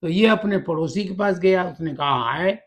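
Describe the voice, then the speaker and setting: A man's voice: sits high, lively intonation, moderate pace. A man teaching decimal subtraction, explaining step by step with patience and spelling out words letter by letter. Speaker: math teacher. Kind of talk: classroom lesson explanation.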